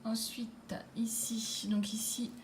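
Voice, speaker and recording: A woman presenting a handmade scrapbook album in a casual way, pausing often with fillers and restarts. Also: on the high side, little pitch movement, in a whisper. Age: adult with a daughter. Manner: hesitant, many fillers and restarts. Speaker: scrapbooking vlogger. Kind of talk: casual craft show-and-tell.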